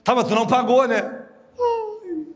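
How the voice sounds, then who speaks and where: A male pastor preaching a lively sermon, joking and acting out the voices of people in his stories. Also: normal speed. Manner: animated, jokey, acts out other voices with big pitch jumps. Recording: long hall reverb.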